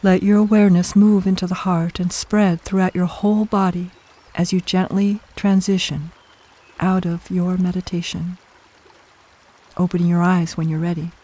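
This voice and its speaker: A meditation guide with a warm, relaxed tone at a medium pitch. The delivery is soft and soothing, reading guided instructions slowly and evenly. Long pauses separate the measured phrases. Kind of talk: guided meditation, scripted narration.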